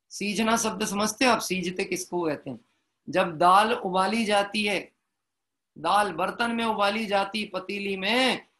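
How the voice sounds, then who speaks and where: A man giving a devotional sermon, telling a parable, chanting verses slowly and often checking in with listeners through rhetorical questions. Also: high-pitched, pushed and bright. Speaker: Jain preacher.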